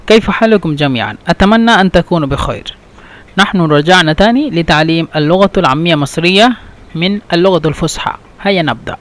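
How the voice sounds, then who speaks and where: A man teaching a language lesson. He speaks slowly and deliberately, repeats each phrase several times, and often stops to restart his sentences. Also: on the high side, fairly bright tone. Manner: halting, with many restarts and fillers. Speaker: Arabic teacher.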